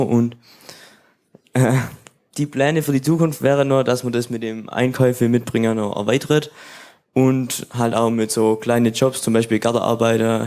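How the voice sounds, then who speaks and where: A man presenting the technical side of his team's project at a hackathon, in a brief and halting way. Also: mid-range voice, warm tone.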